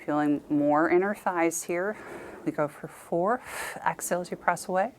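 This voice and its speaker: A woman's voice: lowish voice, normal speed, a little hiss or hum. A woman Pilates instructor leading a guided workout, cueing movements and counting down reps while she exercises along.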